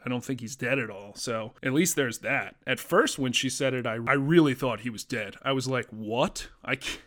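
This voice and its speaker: Guy with a gravelly voice doing a chatty tv episode review, rambles a lot, restarts his sentences. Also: mid-range voice, fairly bright tone. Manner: rambling, conversational, with frequent fillers and restarts. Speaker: podcast host reviewing a TV episode. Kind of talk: casual spoken review.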